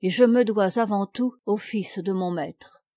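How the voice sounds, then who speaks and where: A woman's voice: medium pitch, a little slow, mellow, no echo, studio quality, close to an everyday voice. A woman doing an earnest loyal huntsman. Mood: anxious. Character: loyal grown-up huntsman, anxious protector.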